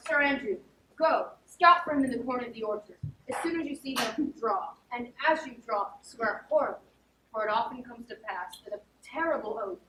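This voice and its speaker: A woman's voice: fairly high pitch, bright, forceful tone, slight background noise. A woman playing a scheming noble prankster. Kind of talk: live stage play. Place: theatre stage. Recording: echoey stage from far off, faint ambience.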